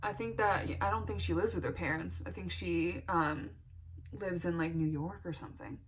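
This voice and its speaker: A woman's voice: on the low side, normal speed, a little hiss or hum, poor audio. A young adult woman chatting casually as a beauty vlogger, talking with retainers in her mouth and thinking aloud informally. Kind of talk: casual chatty get-ready-with-me vlog.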